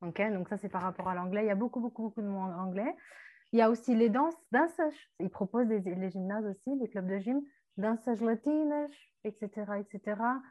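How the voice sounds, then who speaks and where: A woman's voice: mid-range voice, fairly quick, warm tone. Chatty woman teaching vocabulary, hesitant. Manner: chatty, many hesitations, mixes in foreign words. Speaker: language teacher. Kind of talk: explaining vocabulary on a radio show.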